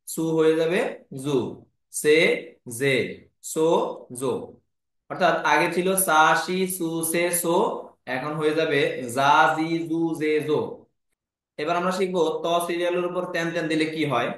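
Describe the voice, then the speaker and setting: A man teaching a language lesson, patiently repeating each syllable slowly and clearly. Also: on the high side. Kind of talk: classroom lesson explaining Japanese script. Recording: very echoey room.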